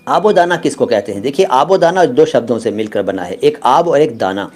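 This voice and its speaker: A man giving a word-meaning lesson in a patient, explanatory tone. He poses a question and then answers it, stressing careful pronunciation. His voice sits at an ordinary, mid pitch. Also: lively intonation, brisk, darkish tone, soft background music. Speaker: language teacher.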